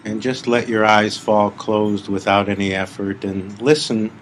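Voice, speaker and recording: A spiritual teacher leads a live guided meditation, speaking deliberately in short phrases separated by long pauses. His voice is on the low side with a level tone, and a little hiss or hum can be heard.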